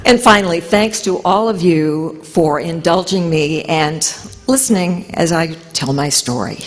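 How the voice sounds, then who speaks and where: A middle-aged woman speaks from a podium in a low voice, delivering an acceptance speech full of dry, self-deprecating asides. Her words ring out with long reverb through a large hall. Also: unhurried, slight background noise. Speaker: hall of fame inductee giving acceptance speech.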